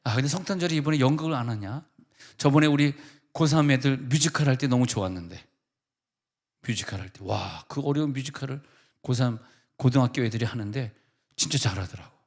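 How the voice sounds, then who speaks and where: A man's voice: mid-range voice, fairly quick. A middle-aged man, the senior pastor, preaching a sermon in a church with casual, humorous storytelling.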